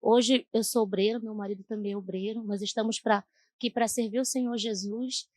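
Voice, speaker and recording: A woman's voice: medium pitch, steady tone, fairly quick, darkish tone, no room sound. A woman giving an earnest church testimony, often turning to address the pastor. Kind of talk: emotional personal testimony.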